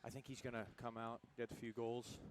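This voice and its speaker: A young man giving relaxed, slightly hesitant color commentary on a student hockey broadcast. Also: mid-range voice, a little fast, noisy background. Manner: relaxed, hesitant analysis with fillers.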